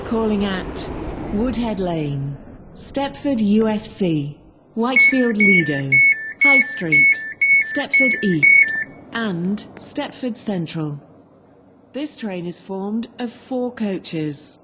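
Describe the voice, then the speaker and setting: A woman's voice: mid-range voice, lively intonation. Lilting woman's station platform announcement. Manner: slow, lilting, formal announcing. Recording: loud music behind the announcement. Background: loud music.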